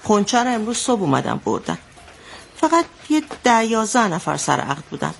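A woman's voice: mid-range voice, very animated, vocal fry, slight background noise. An actress playing an anxious mother who recounts a bloody wedding in a radio drama, telling it vividly. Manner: vivid storytelling, shouting out the quotes she retells.

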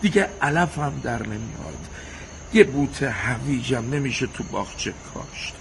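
An actor playing an aging father, bitter and nostalgic, who rants and swings from shouting to murmuring. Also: mid-range voice, very animated, vocal fry, background noise. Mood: agitated.

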